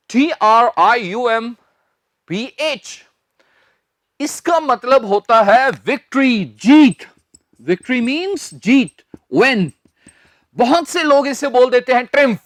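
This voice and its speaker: Slow emphatic male English teacher. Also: very high-pitched, a bit bright, no room sound, clean studio sound. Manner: slow and emphatic, repeating words for drill. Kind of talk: spoken English lesson.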